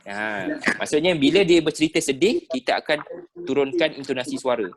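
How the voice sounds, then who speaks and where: A Malaysian man with a Malay accent teaching sales skills in an online class over a video call, animated and dropping "ha" between phrases. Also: medium pitch, brisk, crowd noise. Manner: animated, peppered with "ha" and rhetorical checks. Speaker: sales trainer.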